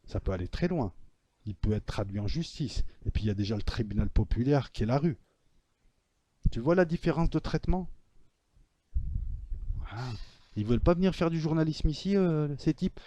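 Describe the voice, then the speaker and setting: Male host, dark-toned, dry close sound, casual press-review monologue with mocking slang. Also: fairly high pitch, lively intonation, normal speed, pauses often, dry recording. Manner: slangy, mocking, addresses viewers directly. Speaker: political commentary host.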